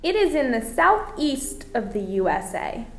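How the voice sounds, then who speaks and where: An American woman presenting a scripted language-lesson dialogue, speaking carefully and clearly for learners. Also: on the high side, very animated, roomy sound. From Florida, United States. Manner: slow, carefully articulated, as if for learners.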